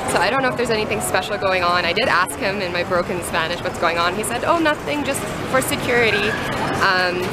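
A woman's voice: mid-range voice, poor audio. Woman in her 30s, cheerful walking-tour vlogger, selfie-cam outdoors with music bed. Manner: chatty and upbeat, talking while walking. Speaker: travel vlogger. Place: outdoors on busy city streets. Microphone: camera held at arm's length.

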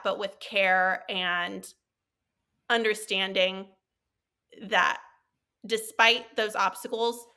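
A woman in her thirties, a guest on a podcast, talking earnestly and warmly about cooking on a budget from her living room over a video call. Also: mid-range voice. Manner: earnest, heartfelt, explains step by step. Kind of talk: casual interview chat. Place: bright living room at home. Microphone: headset with handheld mic, video call.

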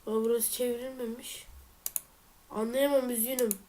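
High-voiced woman grumbling through a game. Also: steady tone, moderate pace, mellow, slight background noise. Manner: frustrated, exclaiming and muttering at the game. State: stuffy nose. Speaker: let's player. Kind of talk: let's play commentary.

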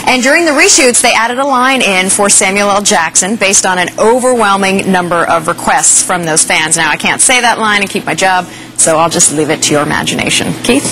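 A woman's voice: medium pitch, a little fast, sharp tone, slight background noise, rough recording. A young woman reporting a scripted entertainment news segment from a TV studio, in a playful newsreader manner. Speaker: news correspondent. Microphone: lapel mic.

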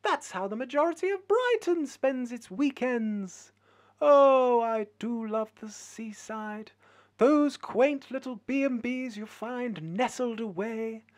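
A woman's voice: fairly high pitch, expressive, slow pace, a little mellow. A woman presenting a comedy show with arch, gossipy scripted links.

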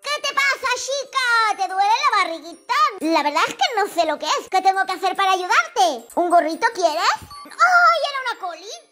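A woman's voice: extremely high pitch, moderate pace. A woman giving playful commentary on a mobile drawing game, cooing sympathetically at the characters. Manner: animated, coos sympathetically at drawn characters. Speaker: gaming channel host. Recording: light children's music behind.

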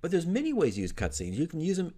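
Talking to camera from a small furnished room at home, a dungeon master in his forties shares tips on his channel through a desk mic set in front of him. His fairly high, warm voice swoops wildly in pitch and moves at a quick pace. The delivery is emphatic yet chatty, a casual opinion vlog.

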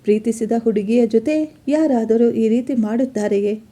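A woman's voice: fairly high pitch, moderate pace, dark tone, natural voice. A woman voicing a betrayed young student, pleading and accusing.

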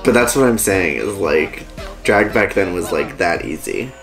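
A young male drag queen with a low-pitched voice gives sassy, offhand commentary. He is blunt and opinionated in a chatty way, and loud music plays behind him. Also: animated, a little slow. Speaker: drag queen host reacting to videos. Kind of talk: casual reaction commentary. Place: living room at a table with a couch. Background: music from the videos being watched.

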